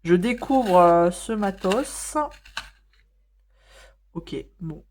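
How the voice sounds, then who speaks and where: A woman with a somewhat low voice talks casually to her viewers while she colors at home. She fills her sentences with hesitant fillers and often stops to restart a thought. Her tone is wry and easygoing. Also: drawn-out words, a little mellow, slight background noise. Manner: chatty, many hesitations and fillers. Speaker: vlogger.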